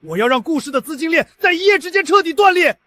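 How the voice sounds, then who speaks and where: A man's voice: very high voice, lively intonation, fast talker, pushed and bright, no echo, exaggerated voice. An actor playing a scheming villain boss in a drama who snarls threats and sneers at his rivals. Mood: furious. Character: scheming male villain boss, furious and gloating.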